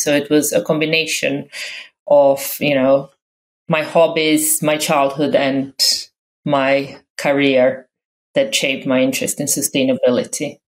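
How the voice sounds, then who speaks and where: The audio is poor as a fifty-something woman from Croatia, using English learned later on, recounts her history on a podcast. For a woman, her voice lies very low. The talk is casual interview chat, reflective and broken up by fillers, pauses and restarts.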